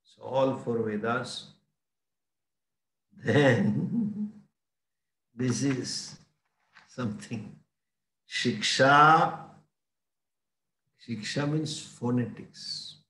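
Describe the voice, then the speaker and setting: A man with an Indian English accent teaching a scripture class, explaining slowly and often chuckling. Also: mid-range voice, expressive, sharp tone, echoey room. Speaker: spiritual teacher.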